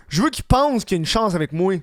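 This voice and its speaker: A man's voice: sits high, a bit bright, no echo, studio quality. A man with a Quebec French accent and a slushy lisp on his s, rambling casually and slangily as he hosts a comedic solo podcast. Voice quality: lisp, slushy s from dental aligners. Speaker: podcast host.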